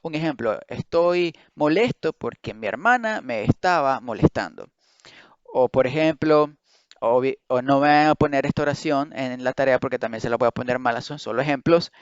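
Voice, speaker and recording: A man teaching English pronunciation online, slowly drilling words syllable by syllable and explaining them. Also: mid-range voice, smooth, no room sound. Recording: dry, dull lo-fi sound.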